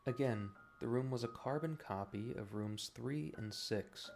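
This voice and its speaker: Male narrator, low haunting voice, heavy vocal fry, grave first-person horror storytelling, dramatic pauses, clear guitar music behind. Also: darkish tone.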